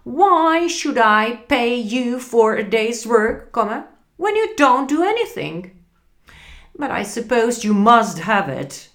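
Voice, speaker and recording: Lady doing a cranky old miser guy, high and loud, bites every word. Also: big pitch swings, slow pace, exaggerated voice. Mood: snapping. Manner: snapping, grumbling. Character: mean cold-hearted old miser, male.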